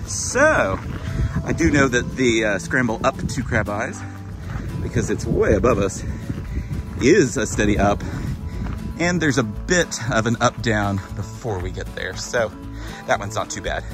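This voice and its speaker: A man with a dark, gritty, gravelly voice talks casually and wryly as he narrates a hike outdoors. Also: on the low side, expressive, a little slow, pauses often, music in the background. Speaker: hiking vlogger. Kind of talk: casual unscripted trail narration to camera. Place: outdoors on a rocky desert trail.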